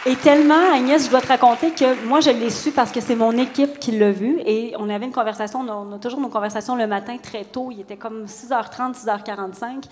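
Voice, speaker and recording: A woman's voice: a little high, fairly even intonation, fast, hardly any pauses, a little mellow, in a large hall, some chatter behind, a little hiss or hum. A Québécois woman hosting a live stage talk show, bubbly and teasing, laughing easily. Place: stage before a live audience.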